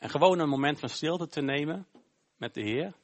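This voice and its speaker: A male pastor gives an informal sermon during a church service. He tells a Bible story conversationally, often pausing on "eh". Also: a little high. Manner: informal, storytelling, with frequent hesitations.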